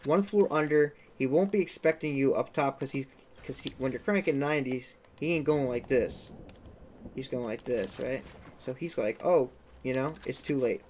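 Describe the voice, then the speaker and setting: A young man giving a casual gameplay walkthrough as the channel's creator, chatty, often checking in with "okay?" and adding "boom" sound effects. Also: normal speed, darkish tone, slight background noise. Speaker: gaming tutorial creator.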